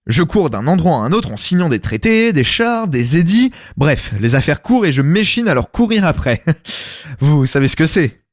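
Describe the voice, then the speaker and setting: A man's voice: on the high side, very animated, moderate pace, no echo, studio quality. A man playing a scatterbrained pompous king. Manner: flustered, theatrical, grand formal phrasing. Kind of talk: comedic radio play.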